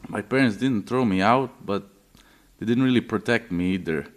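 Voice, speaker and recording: A man from Serbia, in his twenties, talks about his own experience in an interview at a moderate pace and a fairly low pitch. He comes across as hesitant, leaning on fillers and restarting often.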